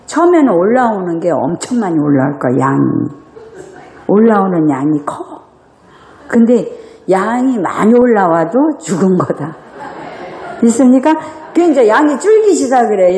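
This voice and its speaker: Animated woman preaching in an echoey church. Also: mid-range voice, moderate pace. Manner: animated preaching with rhetorical questions and acted quarrels. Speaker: pastor. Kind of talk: sermon. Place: church sanctuary.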